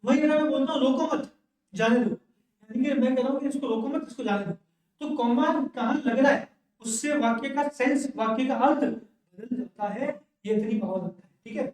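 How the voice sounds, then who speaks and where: A man's voice: very high-pitched, moderate pace, a little mellow. A male English teacher giving a classroom lecture at the board, who keeps asking the class questions and checking in with "okay". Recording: very echoey room, mic far off.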